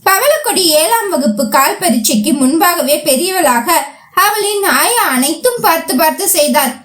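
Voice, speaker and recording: High-voiced woman reading a story out loud, echoey room. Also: normal speed. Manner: lively, switches into characters' voices for dialogue. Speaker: audiobook narrator. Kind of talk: storytelling narration with voiced dialogue. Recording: roomy echo.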